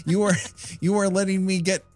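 A man hosting a casual comedic podcast in a theatrical, showman-like way with drawn-out announcements. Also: sits high, level tone, heavy background noise. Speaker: podcast host.

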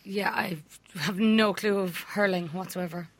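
A woman's voice: mid-range voice, fairly even intonation, a little slow, no room sound. A woman from the west of Ireland with a west of Ireland accent, chatting casually as a quiz contestant. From County Mayo, west of Ireland. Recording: noticeable background noise.

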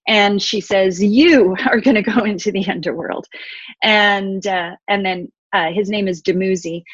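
A woman retelling an old myth in conversation, thoughtful, with many pauses and fillers. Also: on the low side, no room sound, dull audio. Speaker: interview guest, storyteller.

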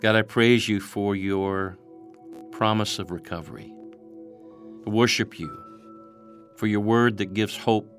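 Slow-paced male prayer guide, low pitch, hushed and reverent, with a light music bed. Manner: slow, soft, reverent delivery.

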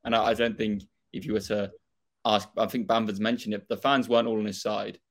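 A man's voice: lowish voice, little pitch movement, brisk. A young man with a Norfolk accent chatting casually and opinionatedly about football as a fan, in a rambling way. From Norfolk, England.

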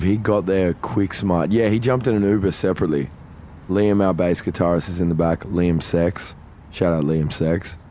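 An Australian man with a fairly low voice spins a wild story for his podcast co-host. He swears freely and acts out everyone's lines as he goes. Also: a little hiss or hum. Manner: animated, swears freely, acts out quoted dialogue. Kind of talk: casual storytelling chat.

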